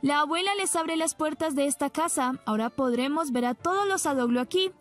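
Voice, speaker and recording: A woman's voice: high voice, brisk, voice pushed up, close to an everyday voice. A woman reading the lines of a spiteful woman speaking sarcastically. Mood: sarcastic.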